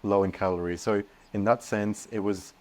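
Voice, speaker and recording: A young man speaking as a podcast guest, earnest and animated, often restarting his sentences. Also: fairly low pitch, moderate pace. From Australia. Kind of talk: casual podcast interview.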